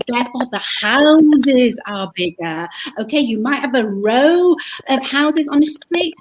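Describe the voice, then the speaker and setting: A woman comedian rants through a mock debate, emphatic and full of swearing. Her voice sits a little high for a woman, with a faint hum of noise behind her. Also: rough recording. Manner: emphatic, profane ranting. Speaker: comedian panelist.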